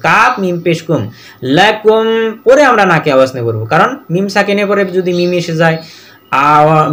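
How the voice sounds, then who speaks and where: A man teaching Quran reading step by step, spelling out each letter and vowel mark, then reciting the verses slowly and drawn out. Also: high voice, fairly bright tone.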